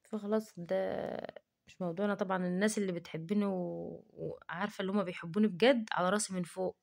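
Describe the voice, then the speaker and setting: Egyptian woman vlogger, rapid-fire indignant rant, mid-pitched voice. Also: steady tone, gravelly, darkish tone. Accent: Egyptian Arabic. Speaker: cooking vlogger. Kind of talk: casual talking-to-camera vlog.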